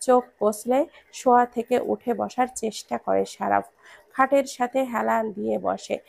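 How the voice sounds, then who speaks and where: A woman narrating a romance story in a steady, scripted storytelling manner. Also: on the high side, unhurried, gravelly.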